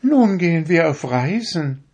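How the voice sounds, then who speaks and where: A man voicing a vain, proud female darning needle in a fussy, high, self-important way. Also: big pitch swings, unhurried, darkish tone, slightly rough, exaggerated voice. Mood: haughty.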